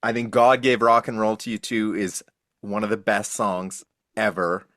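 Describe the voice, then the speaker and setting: A man's voice: on the low side, level tone, normal speed, a bit bright. A man as a podcast guest in casual chat, talking with gushing enthusiasm. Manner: enthusiastic, gushing fan talk.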